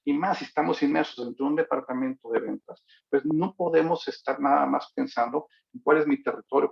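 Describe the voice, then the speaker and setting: A man's voice: medium pitch, creaky. A man, giving a sales lecture and acting out a fable between a father and his son. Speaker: sales trainer. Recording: dull lo-fi recording.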